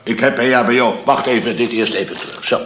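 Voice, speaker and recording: A man's voice: medium pitch, fairly even intonation, quick pace, fairly bright tone, reverberant, a little hiss or hum, lightly acted. An actor playing a grumbling, indignant, put-upon man in a sitcom. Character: put-upon middle-aged man Simon ten Brugge. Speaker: sitcom character. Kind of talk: sitcom acting.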